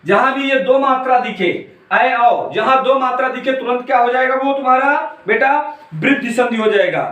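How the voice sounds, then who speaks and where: A man teaching an exam-prep grammar lesson with a very high-pitched voice. He drills each point over and over, addressing students fondly as "beta". The recording is roomy and echoey, with the mic set some distance away. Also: normal speed, a bit bright.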